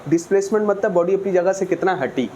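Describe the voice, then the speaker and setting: A man's voice: high-pitched, fast talker, dark tone, a little hiss or hum. A man teaching a physics lesson, who keeps asking his students questions and answering them himself. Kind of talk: classroom lecture.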